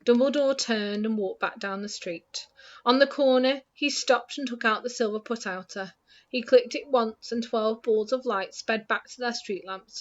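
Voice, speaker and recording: A woman reading a storybook aloud in a steady, hushed way that softens at the ends of lines, in a dull lo-fi recording. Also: a little high.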